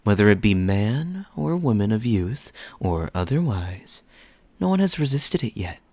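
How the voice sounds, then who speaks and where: A man's voice: lowish voice, big pitch swings, unhurried, darkish tone, heavily acted. Man playing suave, teasing Kaeya, swooping flirtatious lilt. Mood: playful, boastful. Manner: smooth-talking, playful, coy, lingering phrasing. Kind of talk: romantic interactive audio roleplay, spoken to the listener.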